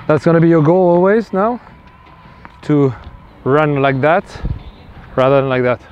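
A man coaching a tennis player on court, giving short instructions and quick bursts of encouragement. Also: a little high, faint music behind. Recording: dull lo-fi sound, faint outdoor noise.

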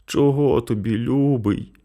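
A man's voice: medium pitch, takes it slowly, warm tone, voice pushed up. Brief: a tender sick mother, faint and tired as a man acts her out, storybook. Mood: weak. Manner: weak, faint voice. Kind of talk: storybook narration.

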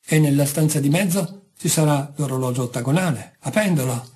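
A man's voice: a little high, brisk, a little mellow, slightly rough. A man voicing a weary, plaintive old island mother in a read-aloud story.

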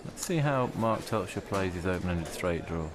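A man giving calm, analytical commentary on live poker. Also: low-pitched, moderate pace. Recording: crowd noise in the venue. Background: crowd noise.

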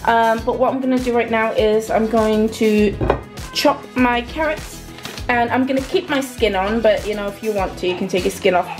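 A young woman cooking vlogger chats through a recipe as she cooks in her home kitchen, casual and hesitant with plenty of ums. Her slightly high voice moves at a moderate pace over music, picked up by a camera mic in the kitchen.

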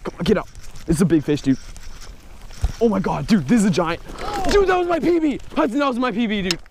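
A teenage boy from Texas vlogging a fishing trip, excitable and full of dude and bro, recorded outdoors by suburban ponds on an action camera. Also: high voice, brisk, noisy background. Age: teens. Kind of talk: casual vlog. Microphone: handheld or body-mounted action camera.

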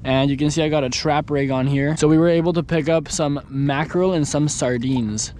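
Young guy on a kayak out on the ocean, kinda high voice, chill how-to talk, faint water noise on the action cam. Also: a little fast. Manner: relaxed, instructional, talks while handling gear. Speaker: fishing vlogger. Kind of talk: casual outdoor explanation. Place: kayak on open ocean, outdoors. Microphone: action camera on a mount.

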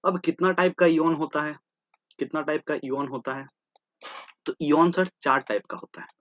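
Male tutor, exam-prep lecture, asks and answers himself, slightly high-pitched, dull lo-fi recording. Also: moderate pace, no room sound. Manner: repetitive, drilling terms, asking and answering his own questions. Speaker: teacher. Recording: dull lo-fi sound.

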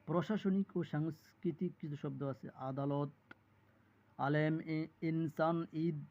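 Male tutor, somewhat high voice, reads word lists for exam prep. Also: fairly even intonation, dull audio. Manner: reads lists of words slowly, with small self-corrections. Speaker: teacher. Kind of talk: reading and explaining a word list for exam study.

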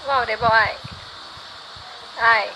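A woman from northeastern Thailand with an Isan accent, hosting a casual live stream and coaxing and teasing in a playful way. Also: slow pace. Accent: Isan Thai. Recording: noticeable background noise.

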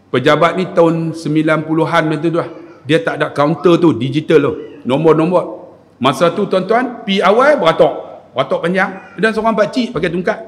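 A male ustaz with a slightly high voice and a Kedah Malay accent delivers a sermon full of humorous stories in a mosque hall. He is animated, acting out scenes with shouted voices, and the recording carries the hall's echo.

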